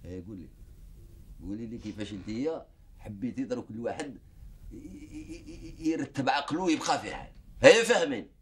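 An actor with an Algerian Arabic accent, playing a weary husband who pleads and defends himself in a TV drama. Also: male voice, mid-range voice, fairly quick, slight background noise, lightly acted. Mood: pleading. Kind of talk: TV drama acting.

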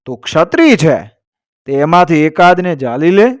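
A man's voice: fairly high pitch, lively intonation, normal speed, no room sound, studio quality, lightly acted. A man voicing a thundering sun god. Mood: stern. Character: booming sun god speaking from a temple.

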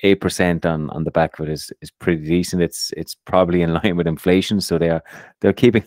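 A man hosting an investing podcast in a relaxed, casual way, often repeating his first words. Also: low-pitched, brisk, no room sound, clean studio sound. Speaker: podcast host.

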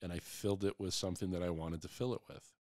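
A man's voice: low-pitched, steady tone, fast talker, darkish tone, no echo, studio quality. A man in his forties talking candidly and reflectively in a casual chat, with a rambling way of talking.

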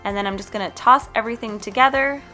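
This healthy food vlogger, a young Canadian woman, talks fast in a somewhat high voice. She keeps her voice-over casual and upbeat, chatting and recommending foods directly, while faint music runs underneath.

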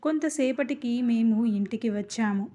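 Woman telling her own story, kinda high voice but soft and mellow. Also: a little slow. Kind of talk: first-person story narration.

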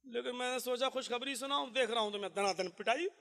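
Preacher doing a hyped-up disciple, high and bright. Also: male voice, fast, creaky, in a large hall, heavily acted. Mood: excited. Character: excited young disciple, eager.

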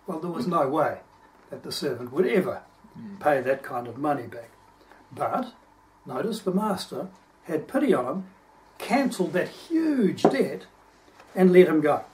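A man delivers a sermon in a slightly high voice, earnest and explanatory, pausing to unpack each verse. He sounds distant from the microphone, as if picked up from across a church hall. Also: sing-song, darkish tone, a little hiss or hum. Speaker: preacher. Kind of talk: sermon with scripture reading.

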